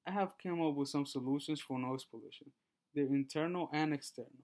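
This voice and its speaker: Smooth-voiced young man presenting slides. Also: fairly high pitch, darkish tone. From Honduras. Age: 20s. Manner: reads slides in a measured way with small restarts. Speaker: student presenter. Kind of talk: class presentation narration.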